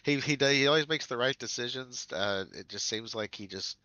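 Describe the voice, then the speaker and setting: A sim racing driver with a cold sounding stuffy, giving a relaxed, rambling post-race interview and laughing often. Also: male voice, medium pitch, brisk, no echo, highs cut off.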